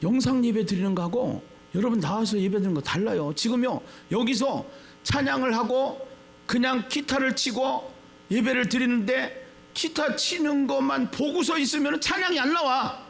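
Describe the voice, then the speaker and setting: A male pastor preaches a sermon in a gravelly voice at a moderate pace, repeating phrases for emphasis and swinging between low murmurs and shouted lines.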